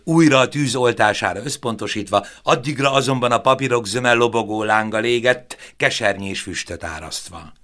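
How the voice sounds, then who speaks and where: A man narrating a novel in a measured, expressive audiobook reading. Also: mid-range voice.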